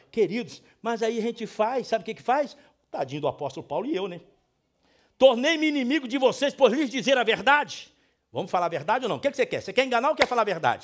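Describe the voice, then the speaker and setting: Male pastor, middle-aged, from Brazil; high, lively delivery, emphatic sermon style. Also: breathy edge. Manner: swings from hushed pleading to loud scolding; emphatic, preacherly.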